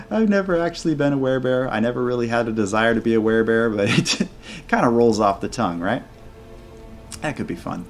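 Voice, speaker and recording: A man's voice: on the low side, big pitch swings, moderate pace, pauses often, soft background music. A man hosting a gaming channel, giving chatty mod showcase commentary and thinking aloud as he plays. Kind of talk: casual video game mod showcase commentary.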